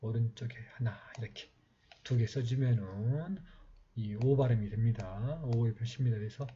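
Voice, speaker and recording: A man giving a slow, patient step-by-step writing lesson, talking while he writes, with many pauses. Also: medium pitch, mellow. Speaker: calligraphy teacher. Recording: slightly dull lo-fi sound with faint noise.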